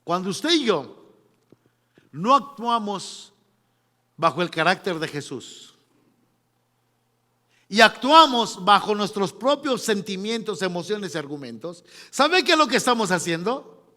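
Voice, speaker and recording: A man preaching a sermon, animated, acting out quotes and laughing often. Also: high voice, a little slow, pauses often. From Mexico. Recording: long reverberant hall.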